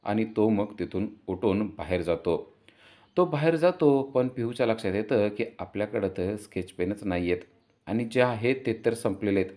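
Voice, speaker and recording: A man's voice: lowish voice, animated, normal speed, darkish tone. A man narrating a TV serial episode recap, voicing all the characters.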